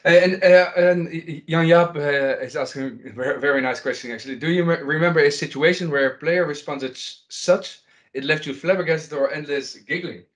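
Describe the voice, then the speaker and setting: A man puts questions to a fellow umpire in a relaxed, joking manner. He often restarts his sentences. His voice sits a little high for a man and carries a roomy echo. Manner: friendly, joking, halting questions. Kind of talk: casual interview. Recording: roomy, echoey sound.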